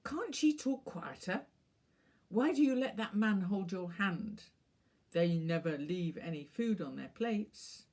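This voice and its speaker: A woman's voice: fairly low pitch, expressive, takes it slowly, a little mellow. A woman reading aloud as a judgmental male talking spaniel with a Birmingham accent, blunt and moralizing. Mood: fault-finding.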